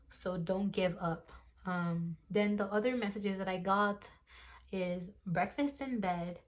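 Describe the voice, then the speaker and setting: In a rambling, um-filled reading full of self-corrections, a woman in her 20s with a mid-range voice offers the viewer a casual tarot session. She addresses them directly and encouragingly, captured through a phone microphone.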